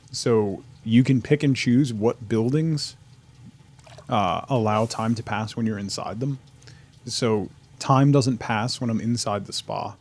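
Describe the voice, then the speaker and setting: Male streamer, young adult, gravelly mid-pitched voice, casual chatty delivery. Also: darkish tone. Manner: chatty, reads and answers chat, laughs often. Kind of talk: casual live-stream chat while gaming.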